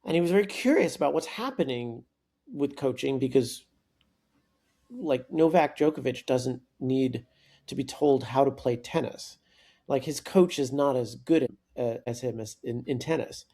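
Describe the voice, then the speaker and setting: Brief: man in his forties, podcast guest, gravelly and mellow, animated storyteller who restarts sentences. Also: mid-range voice, normal speed. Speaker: guest, startup coach and author.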